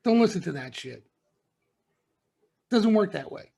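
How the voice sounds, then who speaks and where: A stock trading commentator on a members-only market broadcast lectures traders emphatically, repeating his points and issuing warnings. His voice is high, animated and warm, with vocal fry, at a measured pace.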